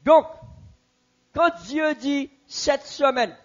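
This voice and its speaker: In a church, a man leads a Bible class, putting questions to the audience and slowly repeating their answers. His voice is very high-pitched and the audio sounds dull.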